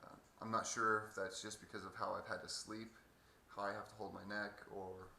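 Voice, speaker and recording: A man giving a halting, hesitant casual video update with a sore throat two days after surgery. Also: on the low side, level tone, creaky, bright, forceful tone. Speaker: patient vlogger. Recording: echoey room, faint background noise.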